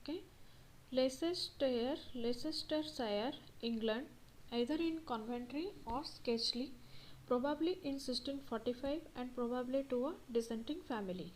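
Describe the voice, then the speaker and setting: A woman's voice: high voice, moderate pace, slight background noise, low-quality recording. A woman tutor reading study notes aloud and going back over the key points. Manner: reads text aloud, then repeats key points.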